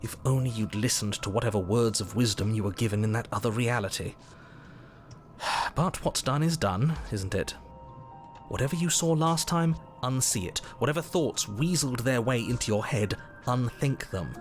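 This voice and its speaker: A man playing a solemn, stern narrator in a video game, speaking in a measured, literary, commanding way. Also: medium pitch, faint music behind, close to an everyday voice. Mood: stern, exasperated. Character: solemn, stern storyteller narrator giving orders.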